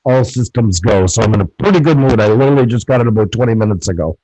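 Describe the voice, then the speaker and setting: A man's voice: fairly low pitch, animated, fast, mellow, breathy edge, no echo. A man in casual chat as a call-in guest, sounding muffled and distorted through a faulty microphone, like he's behind a wall. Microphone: faulty microphone over a call. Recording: muffled, buzzing call mic.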